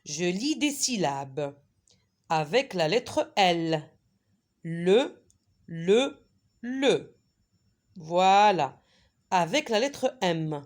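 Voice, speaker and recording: A woman leads a reading lesson for young children. She speaks very slowly and stretches each word so they can repeat it. Her pitch rises and falls a lot, and she praises them often. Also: big pitch swings. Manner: drawn-out words repeated for children to echo; encouraging praise. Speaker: reading teacher.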